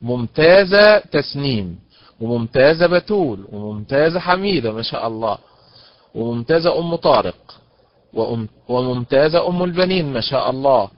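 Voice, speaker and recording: A man's voice: mid-range voice, animated, dry recording. Male recitation teacher, patient, drawls out examples, dry dull lo-fi sound. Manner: explains patiently, drawing out example words slowly; praises students by name as they answer. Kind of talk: online lecture on Quranic stress rules. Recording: dull, dry lo-fi online lecture audio.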